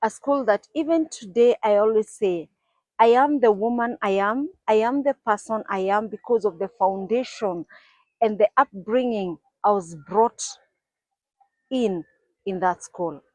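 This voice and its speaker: In an unhurried, mid-range, darkish voice, a Kenyan woman in her forties tells her personal story to the camera for her channel. Her manner is earnest and thoughtful, with occasional restarts. No echo can be heard.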